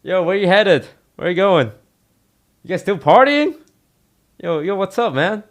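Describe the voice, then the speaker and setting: A man putting on the voice of an excited young friend who keeps pushing to party, in a higher, insistent voice. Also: a little slow. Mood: hyped.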